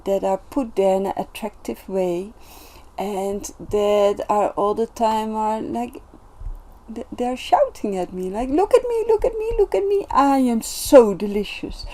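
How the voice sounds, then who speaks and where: A woman vlogger talking in a casual, reflective monologue, gentle and earnest, with many pauses and restarts. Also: mid-range voice. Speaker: self-development vlogger.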